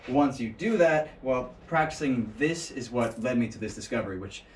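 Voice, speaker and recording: This man's medium-pitched voice has lively intonation and moves at a normal speed as he demonstrates martial arts in a casual lesson, joking and thinking out loud. He's captured by an action camera set well back in an indoor gym, giving echo and faint background noise.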